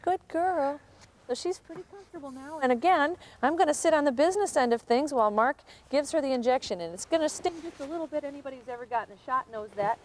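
A woman working as a wolf handler, calmly and patiently explaining what she does during an educational broadcast. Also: high voice, fast talker, few pauses, slight background noise. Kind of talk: educational live broadcast demonstration.

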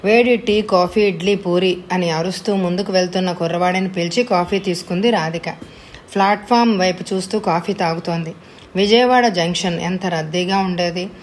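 A woman narrating an audiobook story with a measured, expressive reading. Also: fairly low pitch, slight background noise.

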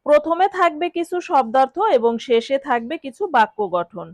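A woman with a Bengali accent, teaching a vocabulary lesson and repeating each word slowly for learners to copy. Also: sits high, animated, dry recording. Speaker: language teacher. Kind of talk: instructional lesson.

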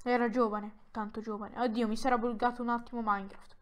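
A woman commenting on her own Minecraft play for viewers, excitable and given to dramatic exclamations while talking straight to the audience. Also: fairly high pitch, a little fast. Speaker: gaming YouTuber.

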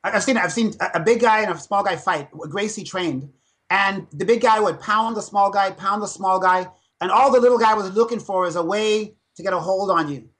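A man's voice: high voice, normal speed. A man in his fifties, a dentist and fitness speaker, telling stories with energy in a podcast interview. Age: 50s. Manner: animated storytelling, energetic.

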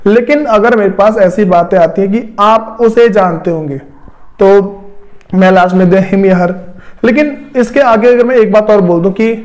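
High-voiced man teaching English grammar. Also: unhurried, a little mellow. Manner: repetitive, rhetorical questions to students. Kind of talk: classroom lesson explaining grammar.

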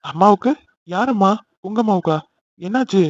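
A man's voice: sits high, expressive, moderate pace, a little mellow, no echo. A man voicing a worried, protective young man in an amateur cartoon, talking earnestly and pleading. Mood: anxious. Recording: dry, slightly dull lo-fi recording.

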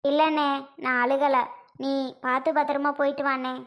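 A woman's voice: sits high, level tone, normal speed, a bit bright. A woman voicing a young new mother in a cartoon, an emotional sister who pleads with her brother to stay. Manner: pleading, tearful. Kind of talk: cartoon voice acting.

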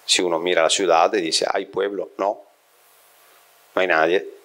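Speaking into a handheld microphone, a middle-aged man born in Italy lectures university-style to people seated in a small room surrounded by bookshelves. His voice sits very low, with fairly even intonation and a fairly bright tone. He thinks out loud and keeps checking that his listeners understand.

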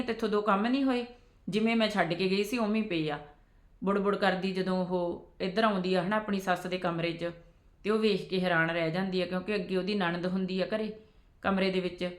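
Woman telling a story in an echoey room. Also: mid-range voice. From Punjab. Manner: conversational retelling, frequent "she says" tags. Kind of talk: spoken storytelling with quoted dialogue.

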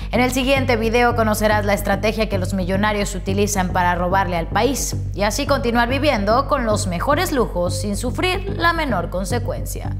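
A young woman presenting a news segment in a polished, persuasive scripted read. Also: a little high. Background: music bed.

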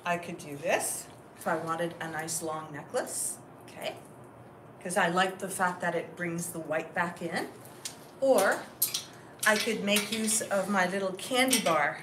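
A woman's voice: fairly low pitch, measured pace. Woman host, chatty styling demo, distant mic in an echoey, noisy room. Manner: chatty, keeps asking "okay?". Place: clothing store.

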